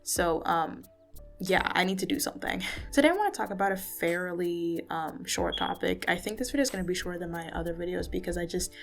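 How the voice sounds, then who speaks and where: A woman's voice: fairly low pitch, a little fast, vocal fry, faint music behind. A tired woman vlogging in a rambling, casual way, her voice muffled because she is recording under a blanket. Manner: rambling, with many fillers and restarts. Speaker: YouTuber. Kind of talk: casual talking-head vlog.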